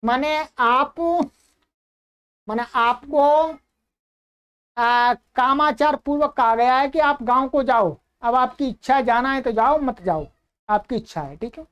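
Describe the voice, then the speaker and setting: Woman teaching grammar, a bit higher voice, asks questions and answers them herself, reads examples out slow. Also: smooth, dull audio. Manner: slow, drawn-out recitation of Sanskrit examples. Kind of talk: explanatory lesson.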